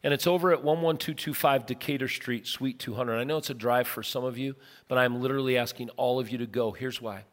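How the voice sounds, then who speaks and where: A middle-aged man, a pastor, preaching a casual, earnest sermon and telling stories, now and then breaking into loud bursts. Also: mid-range voice, fairly even intonation, a little fast, few pauses. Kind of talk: conversational sermon. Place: large church auditorium. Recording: long hall reverb from a big sanctuary.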